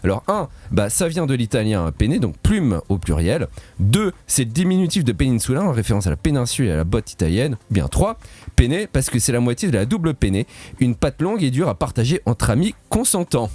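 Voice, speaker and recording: A man's voice: mid-range voice, big pitch swings, a little fast, warm tone, no room sound. A man from Switzerland, presenting a playful, punning radio quiz segment in a studio. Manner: playful, punning, laughs at his own jokes.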